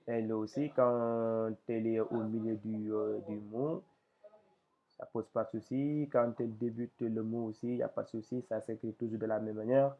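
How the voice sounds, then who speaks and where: A man teaching Arabic letters in a lesson, speaking slowly and hesitantly with many fillers and a gravelly voice. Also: on the low side, flat delivery. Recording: tinny lo-fi phone-like audio.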